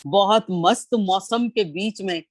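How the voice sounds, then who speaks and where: Over a video call at a poetry session, a woman gives an effusive spoken critique of poems, exclaiming and quoting lines with feeling. Her mid-range voice moves slowly, and there's no echo.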